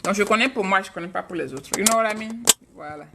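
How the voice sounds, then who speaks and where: An adult African woman, mother of a child, hosts a live stream, chatting frankly with viewers and answering their questions. She talks fast with a medium pitch and vocal fry, against a noisy background.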